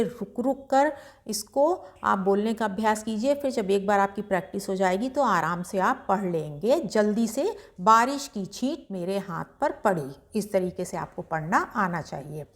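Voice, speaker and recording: A woman teaching beginners to read Hindi, sounding each word out slowly before explaining it briskly. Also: medium pitch. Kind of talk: slow syllable-by-syllable reading lesson.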